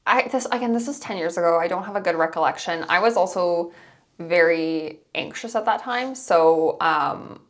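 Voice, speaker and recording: A woman's voice: lowish voice, normal speed. A woman co-hosting a casual podcast, chatting and agreeing often, sharing personal stories with light self-deprecation. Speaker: co-host. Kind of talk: casual product review chat.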